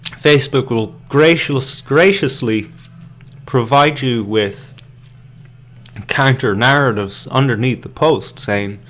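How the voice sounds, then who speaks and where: Speaking slowly in a medium-pitched, fairly bright voice, this Irish man hosts a podcast live stream. He wanders through casual remarks with plenty of hesitation, filler words and false starts, drinking beer along the way.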